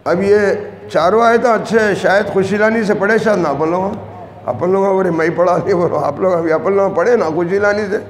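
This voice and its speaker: A man's voice: high voice, fairly quick, background noise. A man teaching Quran recitation, correcting pronunciation and explaining breath control in an instructive manner. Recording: echoey hall with faint ambience.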